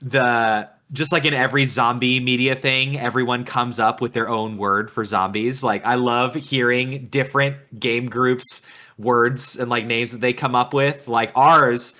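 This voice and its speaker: A man co-hosting a casual gaming podcast, excitable and laughing often. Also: mid-range voice, measured pace. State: tired late at night. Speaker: podcast co-host.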